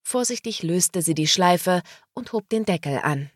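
A woman reading a novel aloud as audiobook narrator, in slow, even storytelling. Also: on the low side, no echo, clean studio sound.

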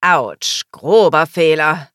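A woman voicing a teasing man in a storybook who makes loud mock-dramatic warnings. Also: deep voice, animated, slow pace, no room sound, clean studio sound, heavily acted. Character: mocking joking man at a party.

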